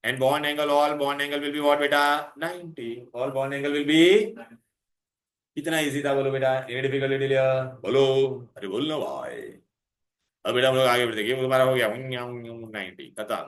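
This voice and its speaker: A male chemistry teacher gives a revision lecture to his students, coaxing them, calling them "beta," and quizzing them nonstop. His voice is mid-pitched and a bit bright, with a measured pace. The room is roomy and echoey, with some digital bits in the audio.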